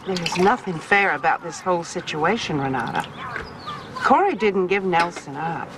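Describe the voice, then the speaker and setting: A woman's voice: lowish voice, big pitch swings, moderate pace, background noise. A woman acting in a TV drama as a stern, confrontational character with a pointed, accusing manner. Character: stern, confrontational woman siding with the birth mother. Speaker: actor in a TV film.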